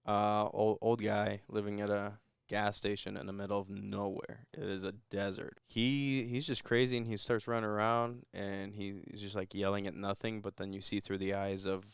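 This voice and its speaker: A man's voice: fairly low pitch, level tone, normal speed, gravelly, hardly any pauses, clear, resonant tone, no echo, clean studio sound. A man co-hosting a podcast, giving a rambling, laid-back recap of a movie in casual chat with chuckles. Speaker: podcast co-host.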